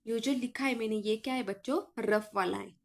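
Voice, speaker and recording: A woman's voice: a little high, fairly quick, creaky. A woman math teacher walks through each step, asking the class questions and answering them herself. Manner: addresses students as children.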